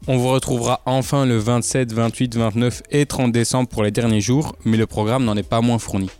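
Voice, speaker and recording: A man with a mid-range voice, hosting a radio segment. He reads scripted announcements clearly and evenly. Soft music runs under him. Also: mid-range voice, fairly even intonation, moderate pace. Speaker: radio host.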